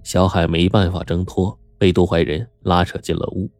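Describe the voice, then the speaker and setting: A man narrating a story in a lively spoken storytelling manner. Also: low-pitched, no echo, soft background music. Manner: lively spoken storytelling with drawn-out sentence endings.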